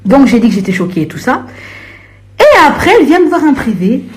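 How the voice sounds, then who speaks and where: Very animated and fairly fast, a young woman harangues viewers on her live stream with confrontational slang. She swings from low grumbling up to shrill outbursts.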